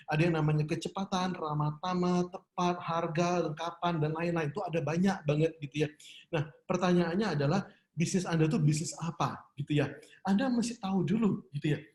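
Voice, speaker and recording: Man, lively seminar talk, slightly high voice, roomy echo. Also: fairly quick. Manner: chatty, laughs often, asks the audience questions. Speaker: business seminar speaker. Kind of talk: online seminar lecture.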